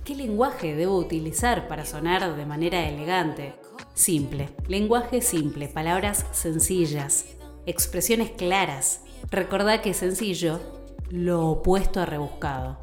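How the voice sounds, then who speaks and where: A woman radio announcer with an Argentine accent, giving advice on a podcast in a measured, emphatic, teacherly way. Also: fairly low pitch. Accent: Argentine Spanish. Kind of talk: instructional podcast talk. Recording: roomy echo with faint music.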